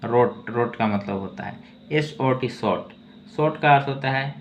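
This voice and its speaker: A man with a mid-range voice, speaking at normal speed, teaches English word reading. He spells every word letter by letter and repeats it, often inserting "okay" between explanations in this slow lesson. The recording sounds dull and lo-fi, with a faint ambient hum.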